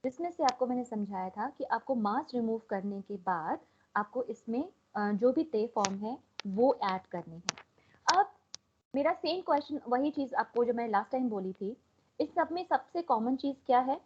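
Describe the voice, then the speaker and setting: A woman's voice: on the high side, expressive, normal speed, darkish tone, breathy edge. A young woman with an Indian accent teaching an online language class, mixing Hindi and English and coaxing students to answer. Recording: dull lo-fi online call audio.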